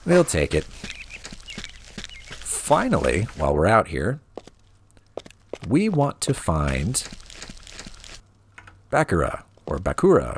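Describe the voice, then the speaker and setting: A man casually commentating a video game he is playing, thinking aloud in a relaxed, wry way. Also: on the low side. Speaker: let's play host. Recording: audible rain noise behind voice.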